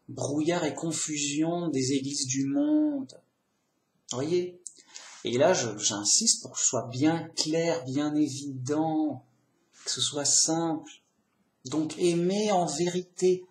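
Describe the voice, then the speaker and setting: A man giving an informal sermon, emphatic and repetitive, sometimes acting out an angry or calmed-down person. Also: fairly high pitch, roomy sound, slight background noise. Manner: acts out angry and calm speakers, emphatic lists. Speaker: lay preacher.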